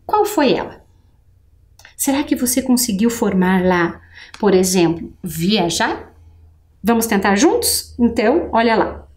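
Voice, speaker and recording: A woman teacher with a Brazilian Portuguese accent giving a patient televised literacy lesson, spelling out syllables slowly. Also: medium pitch, sing-song, darkish tone. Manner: slow, patient, enunciating syllables.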